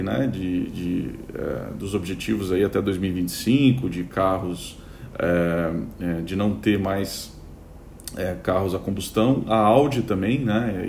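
A man's voice: on the low side, creaky, dark tone, echoey room, slight background noise. A man hosting a casual news roundup, chatty, with many fillers and restarts. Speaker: podcast host.

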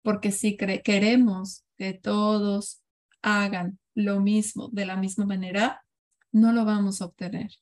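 A woman's voice: mid-range voice, flat delivery, measured pace, darkish tone. Woman, parenting coach, reflective, asks the group questions. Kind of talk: live online workshop talk.

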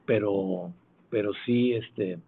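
A man in his seventies with a Mexican accent, a retired broadcaster answering interview questions in a measured, unhurried, modest way. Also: on the low side, steady tone, creaky. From Monterrey, Mexico. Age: 70s. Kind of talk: phone interview. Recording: tinny phone line.

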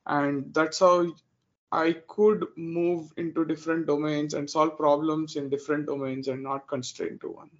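A man's voice: on the high side, flat delivery, normal speed, highs cut off. A man in his thirties from India with an Indian accent, a guest answering interview questions, hesitant with many fillers.

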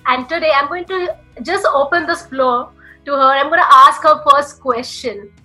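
A woman with a high, bright voice hosts a podcast interview and talks her guest up with eager, gushing warmth. She speaks with a ringing, forward tone over faint background music. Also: normal speed, poor audio. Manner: enthusiastic, effusive introductions. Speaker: podcast host.

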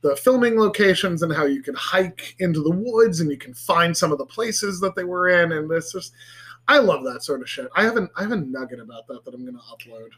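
High-voiced excitable guy podcaster. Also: fairly quick. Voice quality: animated, swears freely, goes high and shrill when laughing. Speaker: podcast co-host. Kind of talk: casual chat. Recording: several people chatting around one mic.

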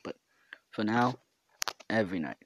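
A teenage boy with a slightly low voice rambles through a casual solo podcast from his bedroom into a home mic. He stutters now and then and keeps breaking off with fillers and restarts. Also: lively intonation, measured pace, slight background noise. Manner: rambling, fillers and self-interruptions.

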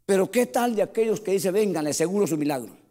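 A man preaching a sermon with passion, shouting at the peaks and dropping to quiet storytelling, often calling the listeners "brother". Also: sits high, lively intonation, fast talker, in a large hall. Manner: addresses listeners as "hermano" often. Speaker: pastor.

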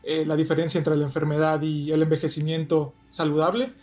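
A young man from Mexico with a Mexican Spanish accent, a guest in an interview, explaining things step by step in a measured way. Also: on the high side, fairly even intonation, a little mellow, soft background music. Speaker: guest, doctoral researcher.

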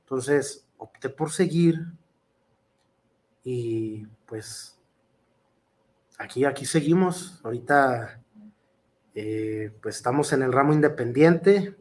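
A man's voice: medium pitch, slow pace, long pauses, darkish tone. A man with a Mexican accent, a professional wrestler answering interview questions in an earnest, rambling way full of fillers and restarts.

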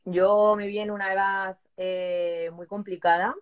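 A woman in her forties from southern Spain, telling an interviewer her personal story with strong feeling and lively quoted voices. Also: medium pitch, measured pace. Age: 40s. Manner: animated, moved, voicing people in her story. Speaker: interviewee, police exam candidate.

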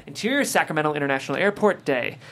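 Stage directions from a screenplay, scene headings and action lines alike, are read aloud by a narrator. The pitch is medium and the tone fairly bright, with an animated, racing delivery.

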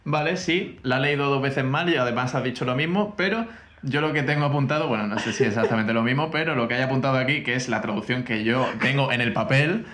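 A man's voice: medium pitch, fast, fairly bright tone, a little hiss or hum. A man, co-hosting a language section in casual chat, often laughing at his own slips. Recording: echoey room.

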